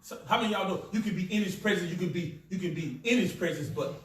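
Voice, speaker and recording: A man a call-and-response sermon as a bishop, repeating phrases, laughing and building to shouts. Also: sits high, fast talker. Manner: repetitive, builds to shouting, laughs while preaching. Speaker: bishop preaching. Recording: echoey church, far from the mic. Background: congregation responding.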